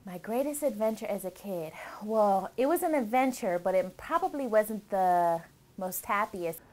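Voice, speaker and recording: In a relaxed interview, a bride-to-be in her thirties who grew up in Germany happily looks back on her childhood, laughing often and using plenty of fillers. Her mid-range voice is animated and a little mellow, at a normal speed.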